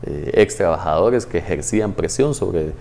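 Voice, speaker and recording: A man speaks low and mellow in a TV studio interview. He explains things in a measured way, pausing often on hesitant fillers. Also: animated, a little hiss or hum. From Guatemala. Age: 30s. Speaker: guest, former tax agency head.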